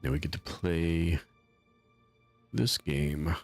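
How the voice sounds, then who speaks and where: A man's voice: sits low, slow pace, vocal fry, faint music behind. A man streaming a game live, rambling in a self-mocking way and chatting with his viewers. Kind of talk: casual live-stream commentary.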